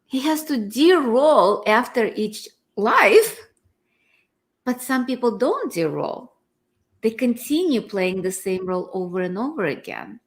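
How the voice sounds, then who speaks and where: A woman with a slightly high voice talks slowly on a video call. She muses in a reflective, spiritual way, taking her time between thoughts. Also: big pitch swings. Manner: slow, reflective, spiritual musing. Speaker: co-host. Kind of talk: casual conversation.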